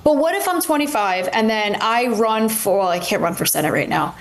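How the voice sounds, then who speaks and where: A woman's voice: a little high, expressive, a little fast, a crowd in the background. A woman in her twenties co-hosting a casual political debate, speaking in a blunt, candid way. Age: 20s. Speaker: co-host.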